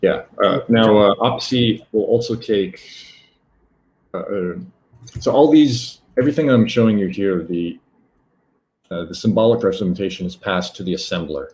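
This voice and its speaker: A man presenting a live technical demo, talking haltingly with many fillers and self-corrections. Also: lowish voice, a little mellow, poor audio.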